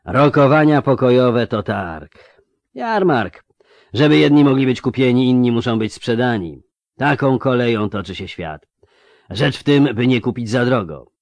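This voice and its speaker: A man voicing a thoughtful male pilgrim who speaks in a measured, probing way. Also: mid-range voice, animated, a little mellow, no room sound, pitched above the performer's own voice.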